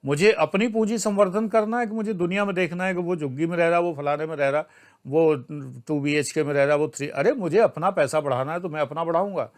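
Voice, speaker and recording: An older Indian man teaching a civil services exam class online lectures emphatically and a little fast. He scolds, swinging between loud outbursts and low asides.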